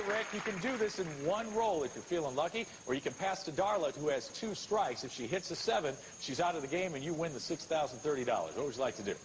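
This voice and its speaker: High-voiced American male game show host. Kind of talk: televised game show hosting. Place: television studio with audience. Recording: noisy old TV broadcast tape.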